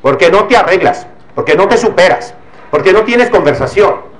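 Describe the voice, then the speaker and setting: A man's voice: high voice, expressive, moderate pace, a bit bright, rough recording. A man preaching a sermon as a priest. He scolds and admonishes, and he uses homely everyday examples.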